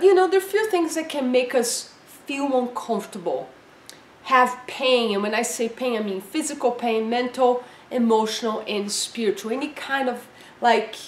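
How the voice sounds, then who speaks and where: A woman's voice: fairly high pitch, roomy sound, a little hiss or hum. A woman life coach giving earnest, encouraging advice, asking her listeners one question after another. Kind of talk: coaching talk to camera.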